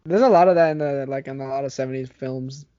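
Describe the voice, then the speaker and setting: A man's voice: medium pitch, quick pace, mellow, smooth, no room sound. A young man co-hosting a casual podcast, talking loosely and profanely about films with frequent giggles. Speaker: podcast co-host. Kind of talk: casual chat. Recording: dry, dull lo-fi sound.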